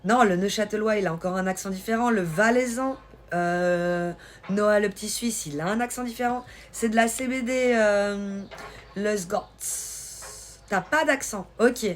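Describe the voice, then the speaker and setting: A woman from Switzerland with a light Swiss French accent, hosting a live stream and chatting casually with viewers in a teasing, quick-witted way. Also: medium pitch. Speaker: livestream host. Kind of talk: casual live-stream chat reading comments.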